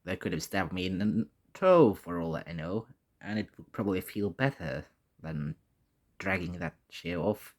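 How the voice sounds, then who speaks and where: Slow-talking, low-pitched man vlogging. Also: lively intonation. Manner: halting, candid, mild swearing. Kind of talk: casual personal vlog.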